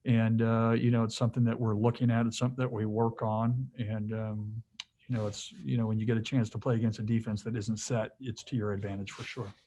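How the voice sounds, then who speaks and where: A man's voice: on the low side, level tone, a little fast, warm tone. A male head basketball coach answering questions at a postgame press conference, rambling with lots of fillers and restarts, joking now and then.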